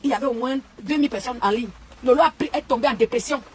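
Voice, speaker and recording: A woman's voice: sits high, fast, a little hiss or hum. Heated woman ranting on a phone. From Cameroon. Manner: insulting, repetitive, heated. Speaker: online commentator. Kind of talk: live-stream rant. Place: home and garden.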